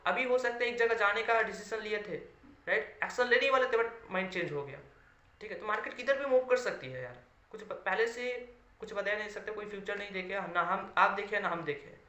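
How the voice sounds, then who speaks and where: A man's voice: high voice, fairly quick, bright, forceful tone. A man giving a casual motivational talk to fellow network-marketing members, filling nearly every sentence with "okay" and repeating his points for emphasis. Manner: mixes English words into Hindi speech. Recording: echoey room, dull lo-fi sound.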